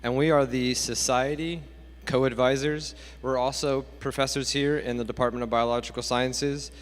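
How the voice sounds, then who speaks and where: A man's voice: mid-range voice, fairly even intonation, moderate pace. A man, a professor, giving friendly, casual remarks at a ceremony. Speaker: professor and society co-advisor. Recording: long hall reverb.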